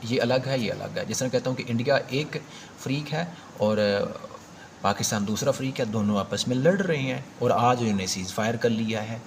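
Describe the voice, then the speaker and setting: A man's voice: medium pitch, normal speed, gravelly, a little hiss or hum. Pakistani man teaching a grammar lesson. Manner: explanatory, repeats points, stresses key words. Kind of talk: exam prep lesson.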